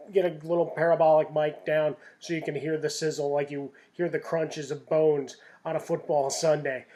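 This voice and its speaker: A middle-aged man hosts a home cooking segment with a chatty, folksy delivery and punchy asides. His voice sits a little high for a man. He sounds set back from the mic in an echoey home kitchen. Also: darkish tone, distant mic. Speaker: host of a home cooking show. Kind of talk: casual cooking demonstration.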